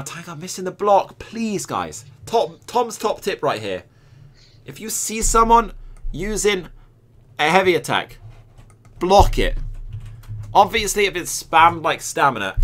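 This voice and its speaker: Lively Scottish streamer, joking commentary. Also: male voice, fairly high pitch. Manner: joking, swearing, chatting to viewers between play-by-play. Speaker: game streamer and tournament commentator.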